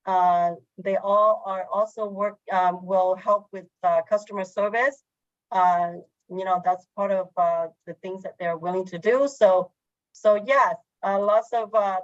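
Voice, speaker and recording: A woman hosting an online meeting in casual talk, halting and full of fillers. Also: mid-range voice, no echo. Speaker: meeting host. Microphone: video call. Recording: dull lo-fi call audio.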